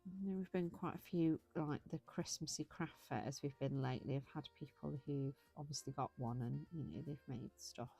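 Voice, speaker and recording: A British woman with a low, husky-free everyday voice chats idly while she colours on a livestream. She drifts from thought to thought and corrects herself mid-sentence, sounding a little tired and yawning now and then. Soft music plays faintly behind her. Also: moderate pace, hardly any pauses. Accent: British English. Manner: rambling, chatty, self-correcting. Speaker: livestream host colouring and chatting. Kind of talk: casual chat while colouring.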